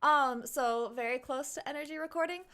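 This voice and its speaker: Playing a game on a live stream, a woman chats casually as she reacts, her talk reflective, rambling and full of slang. She has a high voice with a sharp tone and speaks at a normal speed.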